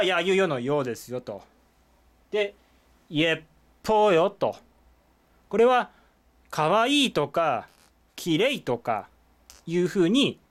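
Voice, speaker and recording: A man gives a language lesson at a whiteboard, his somewhat high voice bouncing around in pitch as he explains each word. He's lively and explanatory, pausing often with drawn-out fillers, frequently "eh".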